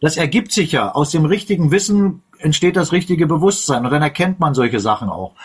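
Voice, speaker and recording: A man with a somewhat high, husky voice hosts a casual political chat. He talks in a relaxed way and leans on lots of fillers. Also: fairly quick. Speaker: host.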